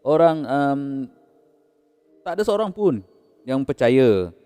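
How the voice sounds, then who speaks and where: A man with a Malaysian Malay accent narrating a horror story in a casual, unhurried way, chuckling between beats. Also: mid-range voice, sing-song, dark tone, clear, resonant tone, in a large hall.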